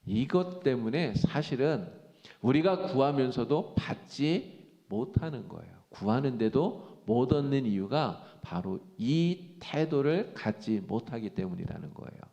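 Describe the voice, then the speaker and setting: A man pastor preaching a sermon in a church, animated and acting out quoted speech. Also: mid-range voice, measured pace, creaky, dull audio. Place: church sanctuary. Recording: church hall reverb.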